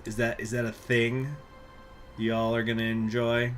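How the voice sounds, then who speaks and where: A man's voice: medium pitch, completely flat delivery, a little slow, soft background music. Rambling young man narrating a strategy game. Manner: rambling, crude, trails off and restarts often. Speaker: gaming channel host. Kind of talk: rambling gameplay commentary.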